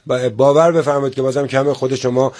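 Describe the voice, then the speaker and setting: Male guest, mid-pitched, formal and courteous, restarts his phrases. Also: fairly even intonation, a little mellow. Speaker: guest, theater organizer. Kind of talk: formal studio interview.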